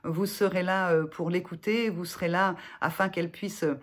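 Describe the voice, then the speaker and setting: A woman therapist giving gentle self-help advice to viewers in a vlog, speaking haltingly with many filler sounds and restarts. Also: lowish voice, fairly even intonation. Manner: gentle, reassuring address to viewers.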